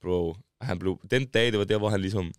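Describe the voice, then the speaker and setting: A man's voice: deep voice, clear, resonant tone, no room sound, studio quality. A man from Denmark, a podcast guest, talking in slangy casual chat that he tags with "bro" and "ikke?".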